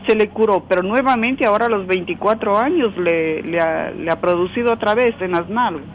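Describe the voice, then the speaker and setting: A woman's voice: medium pitch, a little fast. A middle-aged woman, calling a radio show over a phone line and asking a question politely, rambling and searching for words. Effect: heard over a phone line. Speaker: caller.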